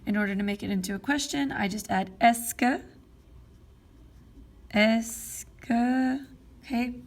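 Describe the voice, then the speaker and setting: A woman's voice: on the high side, normal speed. A woman teaching a French grammar lesson, explaining step by step and often checking in with "okay?" and "all right?". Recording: faint background noise.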